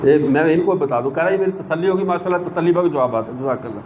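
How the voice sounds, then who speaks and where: Male religious speaker, high-pitched, animated storyteller; slightly dull recording with a faint hiss. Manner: animated storyteller who acts out the people in his anecdotes.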